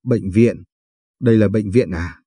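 A man's voice: lowish voice, a little slow, mellow, slightly rough, no room sound, studio quality. A man reading the lines of a frightened, confused old woman patient who pleads and stammers.

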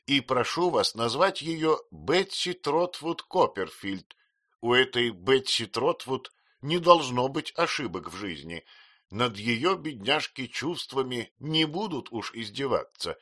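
A man's voice: mid-range voice, very animated, slow pace, bright, forceful tone, dry recording, clean studio sound, pitched above the performer's own voice, heavily acted. A man voicing a stern, commanding elderly aunt who speaks sharply and impatiently.

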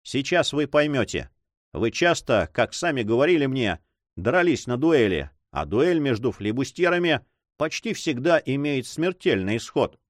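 A man voicing a gloomy young man who calmly and slowly challenges another to a duel in an audiobook. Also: medium pitch, dry recording, studio quality, lightly acted. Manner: slow, gloomy, calmly resolute.

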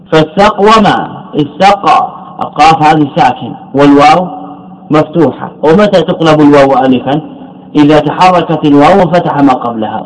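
Middle-aged scholar guy lecturing on grammar, slightly high voice, says things twice, asks himself questions. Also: low-quality recording. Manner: repeats key phrases, asks and answers his own questions. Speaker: Islamic scholar teaching Arabic morphology. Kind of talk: classical lecture explaining a text.

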